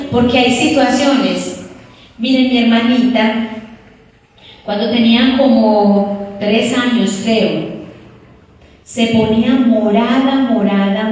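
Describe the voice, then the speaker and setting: A woman preaching a sermon to a congregation, telling stories and calling her listeners "queridos". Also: a little high. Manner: addresses listeners as "queridos", animated storytelling. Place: church hall. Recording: echoey hall from far off.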